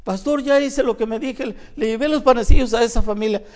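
A woman's voice: a little high, fairly quick, a little mellow, pitched above the performer's own voice, close to an everyday voice. A man voicing a nervous, ailing middle-aged woman from his congregation who pleads and complains about her illness in a raised, whiny voice. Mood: plaintive complaint. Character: anxious ailing church sister, middle-aged woman, plaintive.

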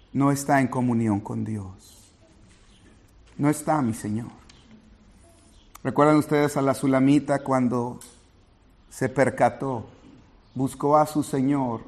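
A man preaching a sermon, climbing to loud emphatic peaks and sinking low and soft, restarting phrases as he goes. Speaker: pastor.

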